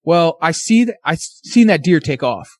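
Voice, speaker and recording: A man guesting on a podcast, excitedly telling a casual story full of fillers and slang. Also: a little high, moderate pace.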